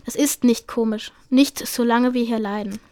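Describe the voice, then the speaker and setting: A woman's voice: fairly high pitch, fairly even intonation, moderate pace, darkish tone, no room sound, lightly acted. A woman voicing a grumpy, scornful male warrior cat in a read-aloud storybook.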